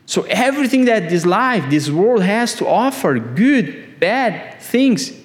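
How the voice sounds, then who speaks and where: A man preaching a sermon in slow, emphatic phrases, his voice climbing on the key words. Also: high-pitched, sing-song. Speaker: pastor.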